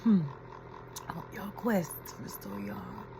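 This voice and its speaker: A woman with a lowish voice and wildly swooping pitch speaks a little slowly over background noise. As a spiritual healing coach giving a reflective inspirational talk, she repeats key phrases and laughs while retelling a story.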